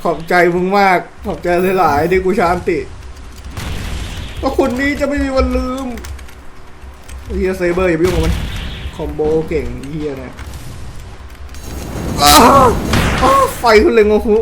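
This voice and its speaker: A man giving loud, excitable gameplay commentary, swearing constantly and yelping as he plays. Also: high-pitched, moderate pace, long pauses, noisy background. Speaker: gaming YouTuber. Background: game music.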